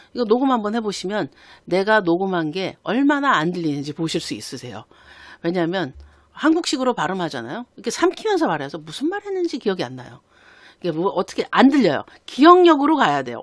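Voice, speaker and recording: A man lecturing as an exam-prep instructor, with a lively pitch that rises and falls as he talks. He keeps checking in with his students through rhetorical questions. The sound is dry and close, with no room echo. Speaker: IELTS instructor. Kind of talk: recorded lecture.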